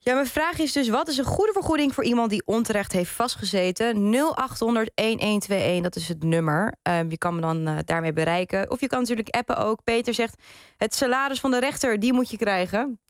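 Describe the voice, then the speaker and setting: A woman hosting a live call-in radio show, calm and steady as she restates each caller's point. She sounds close to a studio mic in a dry room. Her pitch sits in an ordinary middle range. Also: a little fast, hardly any pauses, dry recording. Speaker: radio host. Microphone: studio microphone.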